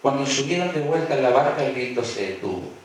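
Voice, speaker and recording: A pastor with an Argentine Spanish accent preaches a sermon in a church hall, his medium-pitched voice animated and quick. He acts out voices and repeats phrases for emphasis. The far-off mic captures an echoey room with a little hiss or hum.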